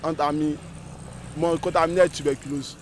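A man's voice: fairly high pitch, fairly even intonation, moderate pace, a little hiss or hum. Man with an Ivorian accent, talking inside a helmet. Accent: Ivorian French. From Côte d'Ivoire. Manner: earnest, blunt and pleading. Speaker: passerby in a street interview. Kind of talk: vox pop street interview. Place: outdoors on a city street.

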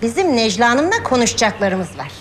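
A woman's voice: on the high side, big pitch swings, brisk, slight background noise. An actress playing a blunt middle-aged mother who makes accusations. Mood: accusing. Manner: blunt, threatening, gossipy.

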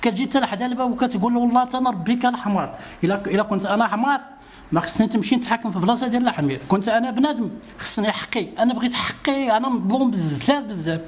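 A man's voice: high voice, very fast, a little hiss or hum. A man with a Moroccan Arabic accent, a citizen pleading for help in a street interview and repeating his grievances insistently.

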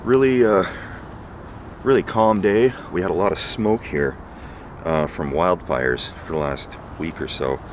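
A man's voice: sits low, unhurried, slight background noise. A man in his forties filming a casual camping vlog outdoors in the woods, talking to a nearby camera with dry, wry asides. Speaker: camping vlogger. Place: woods at night and morning, outdoors.

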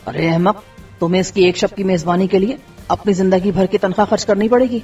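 A gruff, scornful army commander growls his orders low and husky, as a woman narrator puts him on. The sound is dull and comes from away from the mic, with faint music underneath. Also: fairly even intonation, warm tone, far from the mic.

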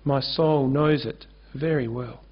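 A pastor preaches an earnest sermon into a lectern-mounted microphone on a church stage with a curtain behind him, gesturing freely. His medium-pitched, slightly rough voice keeps a fairly even intonation and moves slowly. The recording is dull and lo-fi.

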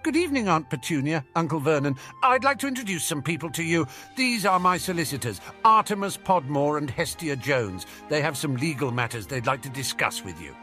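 A defiant teenage boy wizard from a storybook reading, speaking with cool, cutting contempt, as a man puts him on. The voice is lifted higher than the reader's own and a touch louder, crisp and composed. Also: animated, a little fast, hardly any pauses, faint music behind. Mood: cold contempt.

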